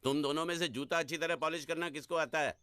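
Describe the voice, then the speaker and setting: A gruff, bossy rich merchant. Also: male voice, fairly high pitch, steady tone, fast talker, sharp tone, slight background noise. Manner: gruff and commanding. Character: stern, scheming rich male merchant boss. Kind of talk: Hindi film comedy dialogue.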